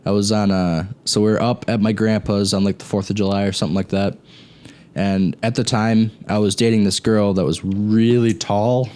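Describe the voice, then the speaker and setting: A man's voice: on the low side, fairly even intonation, moderate pace, a little mellow, clear, resonant tone. A young man chatting casually on a gaming group's talk show, telling rambling stories and swearing freely. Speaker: show co-host. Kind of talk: casual chat.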